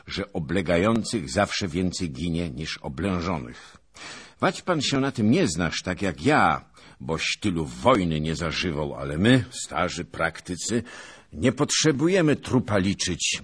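A man voicing a boastful, gluttonous old nobleman soldier who talks loudly and patronizingly in an audiobook. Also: low voice, big pitch swings, a little slow, slightly rough, pitched above the performer's own voice, exaggerated voice. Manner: pompous, patronizing, loud.

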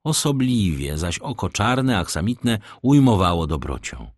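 A man reads a classic novel aloud in a low, husky voice. His delivery is expressive, with a pitch that rises and falls a great deal. The recording is dry and close. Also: a little slow, dry recording. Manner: expressive, dramatic storytelling. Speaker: audiobook narrator. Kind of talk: scripted narration of a classic novel.

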